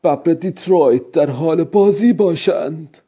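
A man's voice: fairly high pitch, slightly rough, lo-fi sound, pitched above the performer's own voice. A man doing a strained, weary old fisherman. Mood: weary, musing. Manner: talking to himself, strained and pleading. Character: weary old male fisherman, stubborn and lonely.

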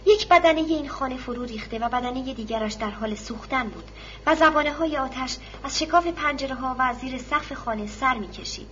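A woman narrating a novel in a steady, formal reading style. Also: sits high. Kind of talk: audiobook narration. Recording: slightly dull recording, faint hiss.

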